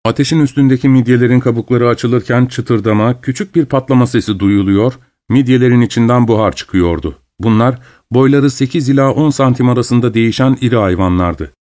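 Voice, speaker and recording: A man narrating a novel as an audiobook in a steady, even storytelling delivery. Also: mid-range voice, brisk, hardly any pauses. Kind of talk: scripted narration.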